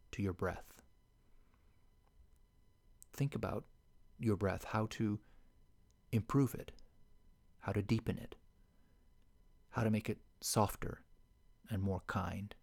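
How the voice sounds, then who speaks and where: Male meditation guide, lowish voice, unhurried, hushed delivery. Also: steady tone, vocal fry. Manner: soft, slow and soothing, sometimes sinking to a whisper.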